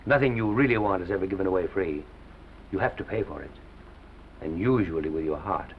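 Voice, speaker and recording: An actor playing a wry, fatherly male studio head who gives measured advice, in a 1930s film. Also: low-pitched, a little hiss or hum, natural voice. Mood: advising. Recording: dull 1930s film soundtrack.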